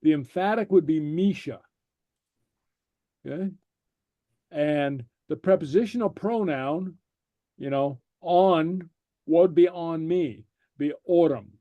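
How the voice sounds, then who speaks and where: A man teaching a language class, explaining slowly and patiently, checking in with "okay?" after each point and using many fillers. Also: fairly high pitch, no room sound, narrow, tinny audio. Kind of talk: slow explanatory class lecture.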